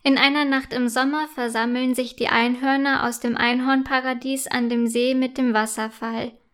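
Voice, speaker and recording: Role: gentle children's storyteller, woman. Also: high-pitched, level tone, normal speed, clear, resonant tone. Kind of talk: reading a children's story aloud.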